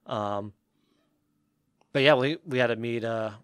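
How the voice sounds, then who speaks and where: A man's voice: medium pitch, measured pace, smooth, no echo, clean studio sound. Laid-back rambling man telling a story. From Western Massachusetts. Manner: rambling, many fillers like "like" and "um". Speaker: podcast co-host. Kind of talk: casual storytelling chat.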